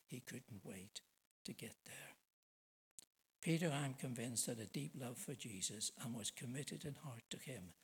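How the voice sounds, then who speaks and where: A man's voice: mid-range voice, fairly bright tone, poor audio. A middle-aged man preaching a sermon, earnest and emphatic, asking his listeners rhetorical questions.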